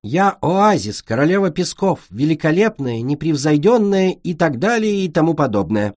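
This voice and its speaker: A man's voice: on the high side, sing-song, moderate pace, darkish tone, pitched above the performer's own voice. A man voicing a small female dragon who plays a grandiose, boastful queen in a storybook reading. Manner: grandiose, theatrical.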